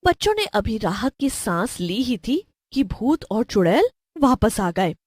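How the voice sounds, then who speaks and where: A woman narrating a cartoon story in an expressive, lively storybook style. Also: a little high, a little slow, no room sound, studio quality.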